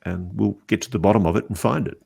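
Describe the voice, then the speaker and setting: A man, a journalist guest on a podcast interview, telling animated anecdotes. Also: on the low side, fast talker, gravelly. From Australia.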